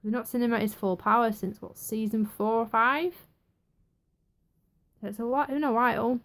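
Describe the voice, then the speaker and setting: A young woman giving a chatty, excitable casual review of a TV episode. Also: fairly high pitch, moderate pace. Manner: chatty, excitable, acts out quotes.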